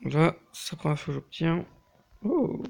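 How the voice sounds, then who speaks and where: A young man giving casual, crude commentary while playing a mobile game, talking fast and nervously, swearing often. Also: on the high side, level tone, creaky, a little mellow. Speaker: mobile gaming YouTuber.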